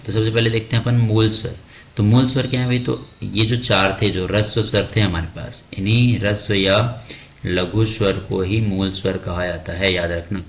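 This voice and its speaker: A man teaches an exam-prep grammar lesson in a rather low voice. He keeps asking rhetorical questions and answering them himself, with a friendly "bhai" thrown in. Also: fairly even intonation, moderate pace. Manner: addresses students as "bhai".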